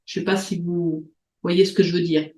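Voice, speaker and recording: Une femme qui anime une réunion en ligne et présente sur un ton détendu, avec beaucoup d'hésitations et de reprises. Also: female voice, on the low side, level tone, normal speed, dark tone, echoey room, rough recording. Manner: hesitant, many fillers and restarts. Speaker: host of an online meeting. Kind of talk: casual presentation on a video call. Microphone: video call.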